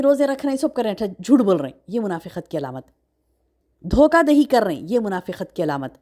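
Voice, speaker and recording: A woman teacher giving a religious lecture. She recites Arabic verses, explains them line by line and keeps asking her class questions. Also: fairly high pitch. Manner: animated, acts out quotes. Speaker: Quran teacher.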